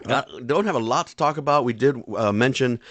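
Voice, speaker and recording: A man's voice: mid-range voice, brisk, fairly bright tone, no echo. A man co-hosting a podcast in casual banter, laid-back and rambling, full of jokes. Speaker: podcast co-host.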